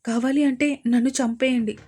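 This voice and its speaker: A woman's voice: on the high side, fairly even intonation, a little fast, slightly rough. A woman voicing an earnest, hurt young wife. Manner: soft, earnest, tearful.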